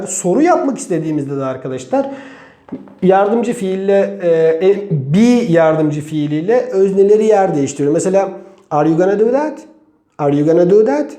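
Man teaching an online grammar lesson, high-pitched, mellow tone, deliberate word-by-word delivery, native Turkish speaker. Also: echoey room. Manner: slow, deliberate, spells out example sentences word by word. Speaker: English teacher.

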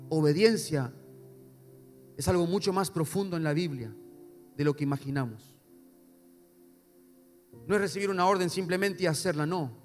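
A male pastor preaching a sermon, swinging between soft low asides and loud emphatic repetition. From Paraguay. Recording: long hall reverb with faint music.

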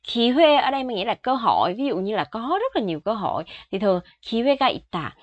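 A woman's voice: fairly high pitch, big pitch swings, very fast, no room sound, lo-fi sound. A woman teaching a vocabulary lesson, patiently explaining each word and repeating it several times. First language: Vietnamese. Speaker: Korean language teacher.

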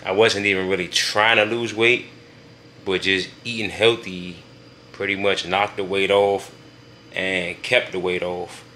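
A man's voice: deep voice, flat delivery, measured pace, pushed and bright, slight background noise. A young man vlogging casually from his home kitchen, talking straight to his viewers in a laid-back way. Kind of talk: casual vlog talk to camera.

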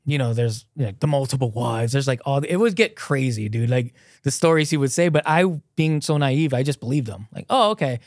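A guest in his thirties from Hawaii, speaking in a mid-range voice with no room sound, relates his story in an easygoing, animated way full of "like" fillers and hand gestures. He's on a close boom-mounted podcast mic in a small dim studio set with a couch.

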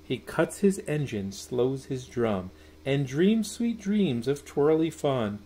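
In a small room at home, a middle-aged man with a medium-pitched, animated voice reads a rhyming children's bedtime picture book aloud. He uses a sing-song lilt, stretches out his words, and softens into hushed goodnights, with slight background noise in the recording.

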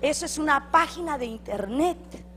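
A middle-aged Honduran woman preaches in a high voice that carries through a long hall reverb, with a faint hum underneath. She acts out the voices she quotes and climbs to loud, emphatic peaks. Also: lively intonation, normal speed. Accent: Honduran Spanish. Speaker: pastor. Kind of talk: sermon. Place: church hall.

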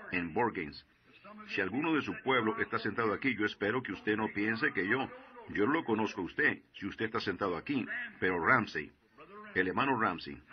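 A man preaching a sermon, telling a story and slowing down to stress his warnings. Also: lowish voice, lo-fi sound. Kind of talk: sermon in Spanish voice-over.

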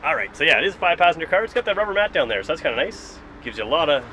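A man's voice: on the high side, very animated, very fast, bright, forceful tone, slight background noise, low-quality recording. A Canadian man showing a car in a casual, chatty walkaround, recorded on a handheld camera outdoors and inside the car. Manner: casual, chatty, thinking aloud while filming. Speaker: car dealership salesman. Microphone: handheld camera mic.

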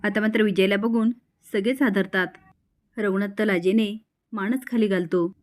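A woman retelling a TV serial episode in steady storytelling narration. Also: mid-range voice, normal speed.

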